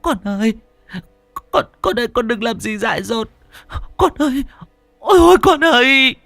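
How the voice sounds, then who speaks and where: A man's voice: very high-pitched, lively intonation, normal speed, creaky, pushed and bright, no room sound, soft background music, pitched above the performer's own voice, full character voice. A man voicing a distraught older mother, sobbing and pleading.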